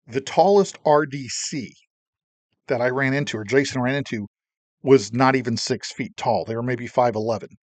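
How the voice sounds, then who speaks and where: A man's voice: mid-range voice, normal speed, no echo. A man hosting a show and narrating his own memories in a plain-spoken, wry way, mixing history and personal story. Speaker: podcast host and narrator.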